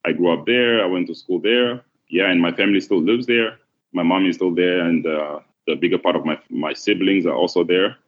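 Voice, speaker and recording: A man from Congo, a podcast guest, talking in a relaxed, unhurried way with many fillers. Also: sits low. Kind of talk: casual interview. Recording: dull lo-fi sound.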